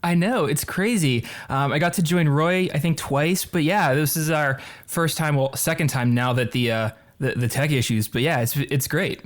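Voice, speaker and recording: A man's voice: on the high side, moderate pace, few pauses. A man chatting casually as a podcast co-host in a friendly, easygoing way.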